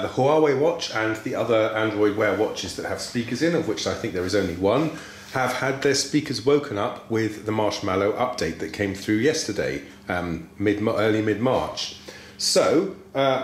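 A man working as a tech reviewer, talking casually through a product demonstration. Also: fairly low pitch. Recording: echoey room, faint background noise.

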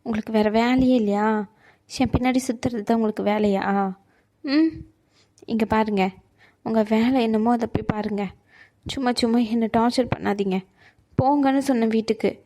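A woman's voice: fairly high pitch, fairly even intonation, normal speed, long pauses, dark tone, close to an everyday voice. A woman voicing a tense young mother who snaps in irritation and then apologizes. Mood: irritated. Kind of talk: cartoon voice acting.

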